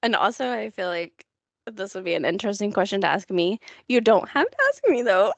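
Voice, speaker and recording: A woman who is a parent, co-hosting a podcast in casual chat, relaxed and often trailing off with a laugh. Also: mid-range voice, fairly quick, vocal fry, no room sound. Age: adult, parent of a school child. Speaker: podcast co-host.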